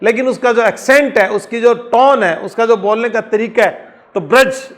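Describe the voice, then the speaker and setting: With a very high voice and a Rajasthani accent, a male teacher works through an exam-prep lecture. He takes his time explaining, restates the important points, and replies to his own questions.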